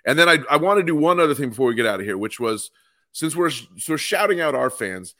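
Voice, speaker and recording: A man's voice: on the high side, animated, fast talker, bright, forceful tone, no room sound, studio quality. A man co-hosting a casual sports podcast, chatty and enthusiastic as he reads out fan replies. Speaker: podcast co-host. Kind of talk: casual chat.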